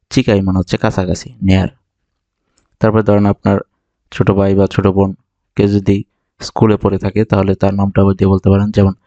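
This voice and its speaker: A man from Bangladesh teaching vocabulary, explaining patiently and repeating each word slowly for learners. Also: lowish voice, warm tone, no echo, lo-fi sound. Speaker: Japanese language teacher. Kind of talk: vocabulary lesson narration.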